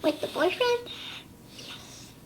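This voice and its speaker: A woman's voice: slow pace, background noise. A young woman being interviewed in a casual chat, blunt and insistent, often giggling between answers.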